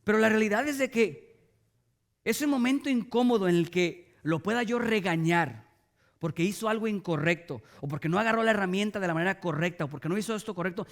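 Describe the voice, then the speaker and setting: A man's voice: high voice, a little fast. A middle-aged man, preaching a sermon as a pastor and often asking the congregation rhetorical questions.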